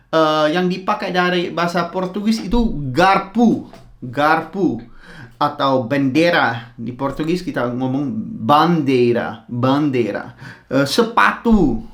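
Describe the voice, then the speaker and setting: A man's voice: a little high, a bit bright. A man from the Netherlands, explaining word origins in a casual, hesitant way with frequent filler sounds. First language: Dutch. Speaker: content creator explaining language history. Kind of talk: casual explainer talking to camera.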